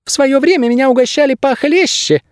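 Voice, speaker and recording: A man voicing a smug little male bird guide in an audiobook, with a thin squeaky voice and an evasive, boastful manner. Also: a little fast, no echo, clean studio sound. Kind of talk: audiobook character voice.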